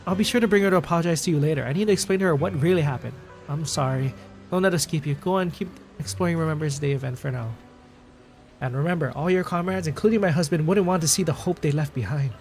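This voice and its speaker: Soft spoken game widow and mom, calm, consoling. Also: female voice, deep voice, quick pace, soft background music. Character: grieving war widow and mother, gentle and composed. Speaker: game character.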